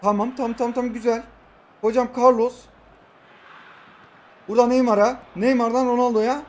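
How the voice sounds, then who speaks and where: A man in his twenties commenting his own mobile football match, shouting at his players in excited outbursts and dropping into low muttered asides between them. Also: normal speed. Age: 20s. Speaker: mobile football gamer streamer. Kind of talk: live gameplay commentary.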